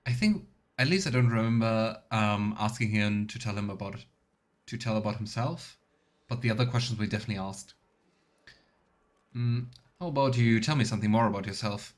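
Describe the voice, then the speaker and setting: A man with a lowish voice streams a video game, thinking aloud at a brisk pace in casual, musing let's-play commentary.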